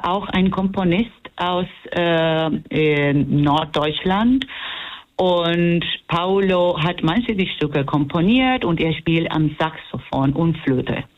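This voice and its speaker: Slow, hesitant Puerto Rican woman. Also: medium pitch, phone-quality sound. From Puerto Rico. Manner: hesitant, searching for words, warm and laughing. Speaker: musician guest. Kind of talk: radio interview.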